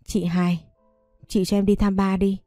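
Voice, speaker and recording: A woman voicing a sick young girl who pleads softly and gently. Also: medium pitch, little pitch movement, measured pace, dry recording, studio quality, faint music behind, close to an everyday voice. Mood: wistful.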